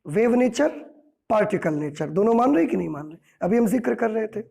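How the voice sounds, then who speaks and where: A male physics teacher lectures with a high-pitched voice. His tone has a rough, gravelly edge. He explains patiently and keeps checking that his students follow with rhetorical questions. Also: animated, brisk, warm tone. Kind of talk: classroom lecture.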